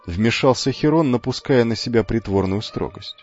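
A man reading a story aloud as an audiobook narrator, in an even storytelling delivery. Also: medium pitch, moderate pace. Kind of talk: scripted narration. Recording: dull lo-fi with faint music.

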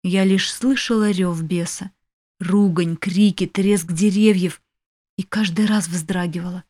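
A woman's voice: fairly low pitch, steady tone, unhurried, dark tone. A woman narrating a first-person audiobook in an emotive storytelling manner.

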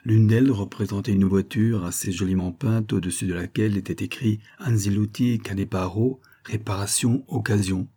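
A man narrating an audiobook in a steady, measured reading voice. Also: on the low side. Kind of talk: scripted narration.

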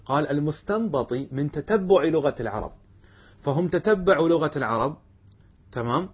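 A man's voice: fairly high pitch, lively intonation, breathy edge. A male teacher giving a classroom lesson, explaining a text and asking his students questions that he answers himself. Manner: reads quoted passages slowly and deliberately. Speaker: teacher of Arabic rhetoric. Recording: dull lo-fi lecture recording.

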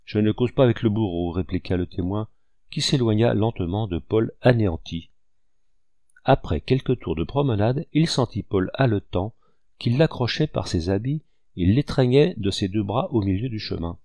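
A man reading an old storybook aloud in a measured, expressive way. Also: lowish voice, dry recording. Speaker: audiobook reader.

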